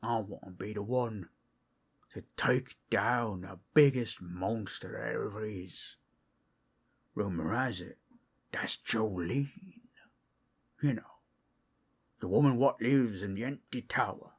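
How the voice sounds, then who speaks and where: Man playing an ork brute, male, husky, slow-paced, folksy, boastful yet friendly, fantasy ASMR ASMR role-play. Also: fairly low pitch, heavily acted. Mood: chatty, dreamy. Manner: folksy, rambling, boastful fantasy-brute talk with rustic grammar.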